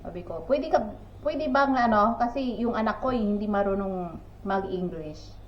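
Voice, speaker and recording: A woman's voice: medium pitch, moderate pace, a little hiss or hum. Rambling older woman in a roomy kitchen. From Philippines. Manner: rambling, many fillers and repeated "sabi ko". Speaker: vlogger. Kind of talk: casual storytelling chat to viewers. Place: home kitchen. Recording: roomy, dull home recording.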